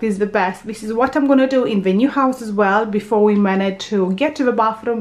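Walking through the bathroom and bedroom with a handheld camera, a vlogger in her thirties gives a casual house tour indoors. Her mid-range voice has a darkish tone, and she chats away, frequently correcting herself.

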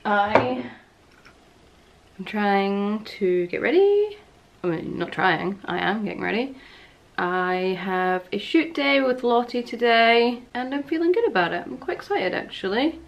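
A woman in her thirties talks casually to her camera at home, telling stories with quick laughs along the way. Her voice sits at a middle pitch, close to the mic. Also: very animated, lo-fi sound. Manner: chatty storytelling, laughing often. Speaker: lifestyle vlogger. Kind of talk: casual vlog chat to camera.

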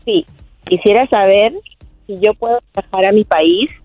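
A woman's voice: mid-range voice, a little slow, dry recording, soft background music. A woman calling in to a radio show with a hesitant question, her phone held too far from her mouth so the line cuts out. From Peru. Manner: hesitant, many restarts and fillers. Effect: phone held away from the mouth, cutting out. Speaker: caller. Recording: dry tinny phone line.

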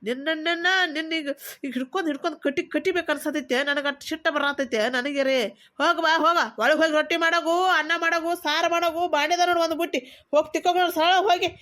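A woman's voice: high-pitched, steady tone, fast. A woman with a Belagavi Kannada accent voicing a bossy, scolding middle-aged mother-in-law in a cartoon comedy. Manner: loud, nagging, ordering about.

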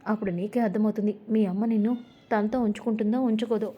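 A woman's voice: mid-range voice, steady tone, fast talker, lo-fi sound, a little hiss or hum, natural voice. Woman doing a scheming older woman. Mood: needling.

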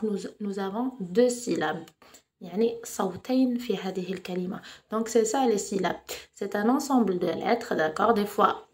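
A woman with an Algerian accent gives a home lesson to young pupils as their French teacher. Her pitch sits in the middle for a woman, and her delivery is patient and steady. She pauses to check understanding and slows right down to sound out words. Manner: slows and stretches words when spelling them out. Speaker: primary school French teacher.

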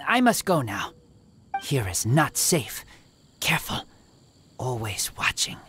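A woman voicing a feral teenage boy raised by wolves in an anime video game, wary and earnest, in halting, broken phrases. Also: extremely low pitch, sing-song, fairly bright tone, slight background noise, heavily acted. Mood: resigned.

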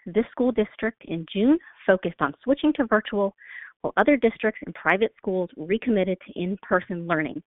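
A woman's voice: medium pitch, no echo. A woman lays out her demands firmly and insistently in a recorded public comment. Her voice sits in a middle range. The sound is a dry, tinny phone line. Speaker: resident making a public comment.

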